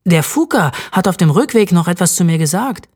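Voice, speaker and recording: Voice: medium pitch, animated, fairly quick, a little mellow, breathy edge. An audiobook narrator voicing an anxious but clever young boy who talks earnestly. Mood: explaining. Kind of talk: audiobook reading.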